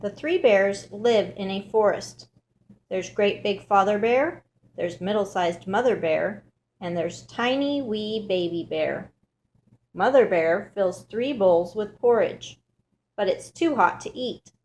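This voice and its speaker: A woman's voice: medium pitch, lively intonation, slow pace, darkish tone. Woman reading a picture book aloud. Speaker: storybook reader.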